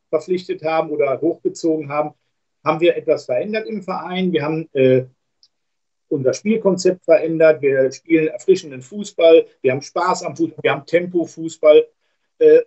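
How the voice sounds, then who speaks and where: A man's voice: fairly high pitch, warm tone. A man talking as a guest pundit over a poor internet stream, explaining earnestly with many hesitations. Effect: poor internet stream audio. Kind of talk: remote talk show discussion. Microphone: remote call mic. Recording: lo-fi muffled online call.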